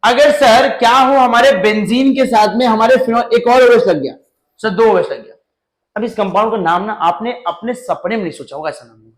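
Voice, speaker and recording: A male chemistry teacher with a high voice gives an animated lecture in an echoey room. He asks his class questions and answers them himself, and jokes as he goes. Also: fairly quick.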